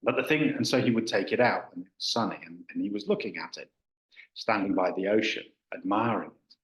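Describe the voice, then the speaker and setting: A man's voice: lowish voice, a little fast, muffled recording. A man, a Buddhist teacher, giving a dharma talk in a hesitant manner with frequent fillers and restarts. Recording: echoey hall.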